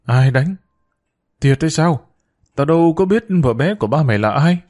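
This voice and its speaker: A man's voice: on the high side, animated, normal speed. A man voicing an angry middle-aged mother who scolds her children about her husband's affair. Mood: scolding. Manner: sharp, scolding.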